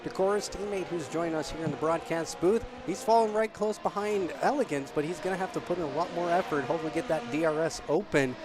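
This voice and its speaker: A man giving live motorsport commentary as a race broadcaster, his delivery excitable and following the action. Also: on the high side, quick pace, few pauses. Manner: excitable, voice rising with the on-track action. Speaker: motorsport commentator in an online sim racing broadcast.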